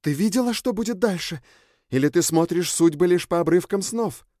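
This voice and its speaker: A man's voice: sits high, lively intonation, moderate pace, mellow, no echo, studio quality, pitched above the performer's own voice. A man doing an urgent, alarmed woman. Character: urgent, caring woman, bold.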